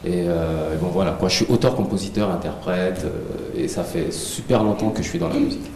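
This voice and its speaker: A man's voice: low-pitched, a little fast, noisy background. A man from French Guiana with a French Guianese accent, a musician guest in a TV studio interview, talking modestly with many fillers and small laughs.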